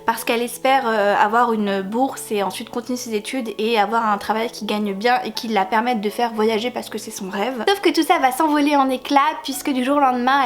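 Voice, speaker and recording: A woman in a casual book haul video, speaking in a slightly high voice. She talks in a relaxed, chatty way, filling her sentences with hesitations and small laughs. Faint background music plays under her voice. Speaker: book vlogger.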